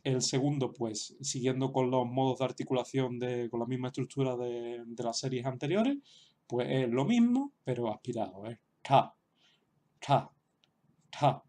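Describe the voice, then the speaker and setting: A man's voice: medium pitch, normal speed, warm tone. A man giving an explanatory lesson as a teacher, talking hesitantly with many fillers and restarts. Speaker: Sanskrit teacher.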